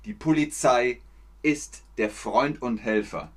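A man teaching a language lesson to learners, slowly repeating words and acting out examples. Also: medium pitch. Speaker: German teacher.

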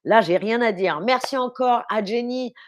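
A woman teaching a live streamed lesson, playful and enthusiastic, reading the chat and spelling words out slowly. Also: a little high.

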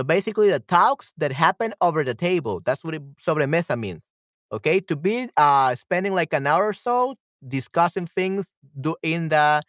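A man hosting a live-stream language lesson, cheerful and quick to laugh, repeating phrases slowly and switching between two languages. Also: fairly high pitch, fairly bright tone, dry recording, studio quality.

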